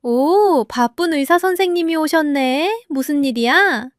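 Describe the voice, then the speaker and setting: A woman's voice: high voice, lively intonation, measured pace, dry recording, clean studio sound, pitched above the performer's own voice. A woman voicing a scornful, domineering older mother-in-law who scolds sharply. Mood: scolding.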